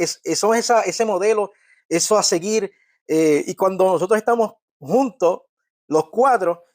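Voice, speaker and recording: In a dry recording, a middle-aged man with a high but darkish voice delivers a conversational talk at church about family life. Earnest throughout, he keeps restarting and repeating words and asks listeners "¿ves?".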